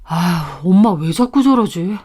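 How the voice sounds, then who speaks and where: A woman voicing a weary young husband who tries to calm the quarrel, low and soft. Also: moderate pace. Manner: soft, placating. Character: weary young husband caught between wife and mother.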